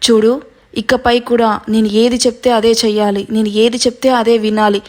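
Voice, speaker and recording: Vengeful young groom who threatens and bullies his bride, read by a woman storyteller, higher pitched, kept level. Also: flat delivery, moderate pace, darkish tone, close to an everyday voice. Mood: threatening. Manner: threatening, domineering. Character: scheming menacing young man, vengeful groom.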